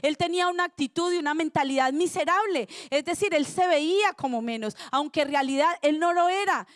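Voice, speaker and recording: Woman preaching, high voice, dry close sound, jokey storytelling w/ lots of questions to the crowd. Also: fairly quick, no echo. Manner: storytelling with humor and rhetorical questions. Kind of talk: sermon. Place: church.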